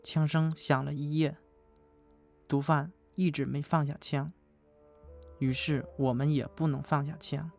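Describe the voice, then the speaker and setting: A soldier giving a sober dramatic voice-over. His voice is a little high, with very flat, restrained intonation. Music runs beneath the narration. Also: vocal fry. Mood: sombre, reflective. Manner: restrained, sober, measured phrasing. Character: sombre male soldier recounting a battle in voice-over.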